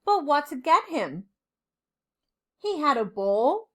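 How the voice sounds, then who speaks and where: This is an expressive children's story read by a woman teacher whose voice is high and very lively. Her pacing is deliberate, punctuated by dramatic pauses for her young audience.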